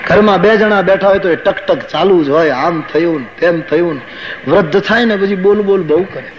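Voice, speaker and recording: Man preaching a sermon, kinda high voice, dull old tape w/ faint hiss. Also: a little fast. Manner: storytelling with quoted asides.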